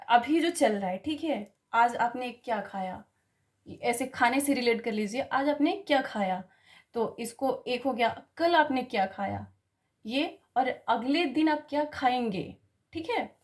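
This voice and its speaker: Woman teacher, high voice, patient explaining, spells out words. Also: a little mellow. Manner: explains patiently, keeps asking "ठीक है?". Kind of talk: Hindi grammar lesson.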